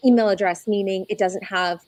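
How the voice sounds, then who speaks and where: A young adult woman, a guest in an interview, telling her own story earnestly and slowing down when she is moved. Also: mid-range voice, fairly even intonation, darkish tone, no room sound, poor audio. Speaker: egg donor guest. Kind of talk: conversational interview.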